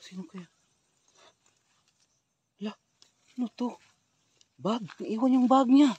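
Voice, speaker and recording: A man's voice: extremely high pitch, a little mellow, husky, no room sound. A man filming a ghost-hunting vlog in a forest outdoors, speaking straight to his viewers in a suspenseful, wary way. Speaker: ghost hunter vlogger.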